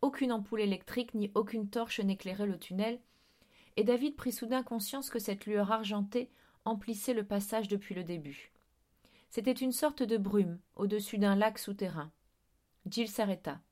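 A woman reading a dark children's novel aloud, with measured, quiet, suspenseful narration. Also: mid-range voice. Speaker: audiobook narrator. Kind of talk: storybook narration.

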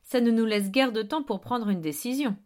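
A woman's voice: a little high, moderate pace, a little mellow, close to an everyday voice. A woman reading an audiobook, voicing a nervous, fussy middle-aged wife who asks anxious questions.

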